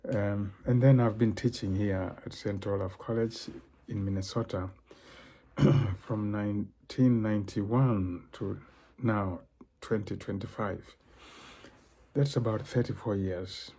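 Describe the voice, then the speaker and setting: Slow, husky older man. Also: lowish voice, fairly even intonation, mellow. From Tanzania. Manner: slow, halting, many fillers and throat-clearing. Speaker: professor and cultural consultant. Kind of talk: solo talk to camera.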